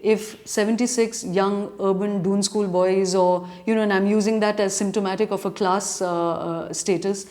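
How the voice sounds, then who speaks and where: With a dark, mid-range voice, she speaks at normal speed in a steady tone, barely pausing. The speaker is a journalist and editorial commentator with an educated urban Indian accent, earnestly arguing her answers to readers in long, considered sentences.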